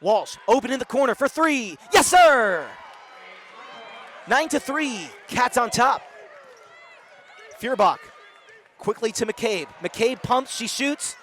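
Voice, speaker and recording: A young male student sportscaster with a fairly high voice calls basketball play-by-play. His calls are brisk and build to excited shouts when a shot drops. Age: young adult. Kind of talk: sideline interview and play-by-play commentary.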